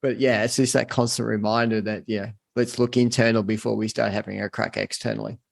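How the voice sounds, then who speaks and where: A man's voice: on the low side, level tone, brisk, vocal fry. Rambling man hosting a podcast. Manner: rambling, many restarts and "you know". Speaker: podcast host. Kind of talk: casual conversational interview.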